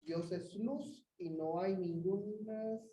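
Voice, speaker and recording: Slow woman reading aloud from far off. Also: medium pitch, mellow, a little hiss or hum. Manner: halting, repeats words. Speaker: class member reading aloud. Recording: echoey room, far from the mic.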